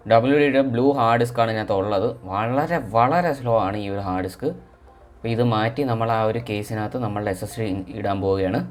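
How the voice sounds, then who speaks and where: A man narrating a tech tutorial in a casual, chatty, informal way. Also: on the low side. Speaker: tech vlogger. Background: background music.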